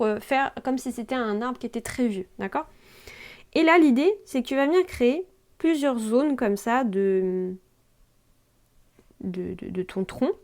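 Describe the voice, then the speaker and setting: A woman's voice: on the high side, darkish tone. Chatty young woman teaching drawing. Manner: chatty, talks to viewer informally, frequent "d'accord?" checks. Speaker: drawing tutorial host. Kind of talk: screen-recorded drawing tutorial.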